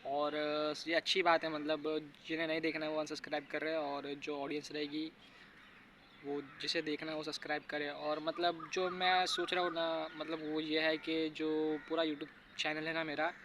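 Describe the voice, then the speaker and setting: A teenage boy rambling through a casual vlog monologue, pausing and restarting as he thinks aloud. His voice is bright and a little high, yet it stays flat without much rise and fall. A faint hiss of noise sits behind him. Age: teens. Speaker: YouTuber.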